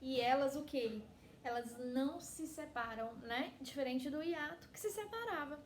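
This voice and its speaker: A Brazilian woman teaches a class in an easy, chatty way, with a slightly high voice. She keeps checking in with her students and slows down to stretch out the example words. The sound is roomy and echoey, with a faint hiss underneath. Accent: Brazilian Portuguese. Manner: chatty, constantly tags phrases with "né?"; stretches out words slowly when spelling them out. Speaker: Spanish teacher. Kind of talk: recorded online class. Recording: echoey room with faint noise.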